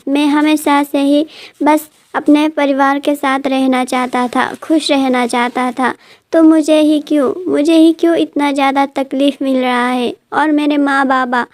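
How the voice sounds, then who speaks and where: A woman voicing a grieving wounded young man. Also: high voice. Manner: despairing, pleading questions.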